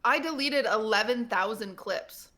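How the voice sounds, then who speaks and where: A woman talks casually with friends on a live stream, trading gossip and laughing often. Her voice sits a little high. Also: measured pace, sharp tone. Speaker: streamer co-host. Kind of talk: casual chat on a group stream.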